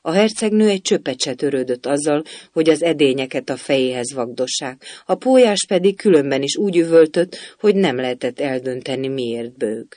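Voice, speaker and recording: A man narrating a storybook in a measured, even way. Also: fairly high pitch, dry recording. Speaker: audiobook narrator.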